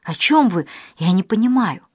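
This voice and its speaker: A sharp, quick-witted older woman voiced by the female reader talks back to a caller boldly and with mockery. Her voice sits in a natural middle range, recorded dry and close for an audiobook. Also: mid-range voice, expressive, husky, no room sound. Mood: bewildered. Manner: bold, mocking.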